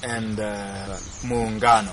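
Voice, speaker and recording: A man interpreting a speaker into English, halting with many filler pauses. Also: fairly low pitch, flat delivery, noisy background.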